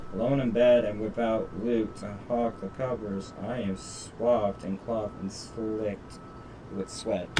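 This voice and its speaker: A man with a fairly low voice streams a game live, reading the story out loud, stumbling along and swearing in his commentary. Recorded on a distant mic, he's accompanied by game music and background noise.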